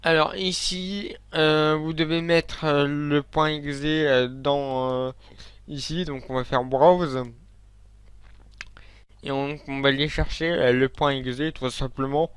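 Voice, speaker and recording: Man, software tutorial host, hesitant and casual, slightly high voice, smooth and clear, dry close sound. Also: fairly even intonation, takes it slowly, no echo. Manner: hesitant, many fillers and restarts; casual, talks directly to viewers. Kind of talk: screen-recorded coding tutorial.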